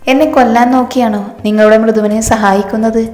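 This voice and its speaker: A fiery young wife, playfully jealous, read by a woman narrator. The delivery stays level and flat at a middling pitch. A roomy echo and faint music sit behind it. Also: fast, close to an everyday voice. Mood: scolding. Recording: reverberant room with faint music.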